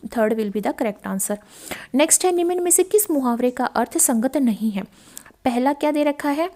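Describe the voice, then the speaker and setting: High-voiced woman teacher explaining exam answers. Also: mellow. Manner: explanatory, asks questions then answers them; repeats key words, mixes in English phrases. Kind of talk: exam-prep lesson explaining past paper questions.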